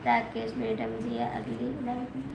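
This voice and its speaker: Slow, high-voiced woman chatting on a live stream. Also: big pitch swings, creaky, noisy background. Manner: chatty, thanks viewers and reads comments aloud; scolds a child at home between comments. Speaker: folk singer hosting a live stream. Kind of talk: casual live-stream chat. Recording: echoey room with faint ambience.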